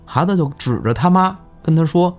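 A man telling village ghost stories in casual chat, animated and swearing in surprise. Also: fairly high pitch, a little fast, soft background music. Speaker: guest storyteller. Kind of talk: casual spooky storytelling.

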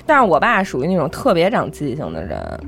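A woman's voice: deep voice, huge pitch swings, fairly quick, creaky, fairly bright tone. A woman, chatting casually on a podcast and telling a funny family anecdote, acting out the quoted lines. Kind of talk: casual chat.

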